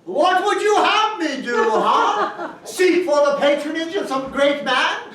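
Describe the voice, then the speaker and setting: A man's voice: very high-pitched, expressive, measured pace, a bit bright, heavily acted. A man playing a flustered, hammy stage actor in costume, recorded from far off in an echoey theater.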